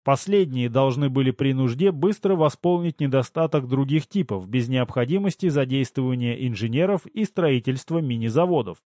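A man reading a first-person novel aloud in a steady, even storytelling voice. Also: mid-range voice, moderate pace, few pauses, no room sound, studio quality. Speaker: audiobook narrator. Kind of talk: scripted first-person audiobook narration.

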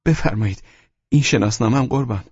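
A man's voice: medium pitch, darkish tone, breathy edge, no room sound, pitched above the performer's own voice, natural voice. A man voicing a frightened thirteen-year-old schoolboy who pleads in a strained voice, in an audiobook. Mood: pleading. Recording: dull lo-fi audio.

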